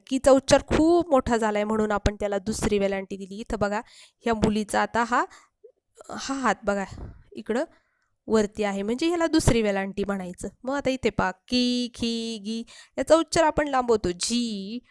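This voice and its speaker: A woman teacher giving a patient spelling lesson for children, repeating syllables slowly and stretching sounds. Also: on the high side, clean tone, no room sound.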